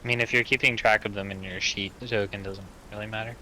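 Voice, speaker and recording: A man's voice: on the low side, fairly even intonation, quick pace, pushed and bright, slight background noise, low-quality recording. A man playing a tabletop game, cautious and a little hesitant as he speaks. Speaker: player. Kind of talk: casual tabletop play.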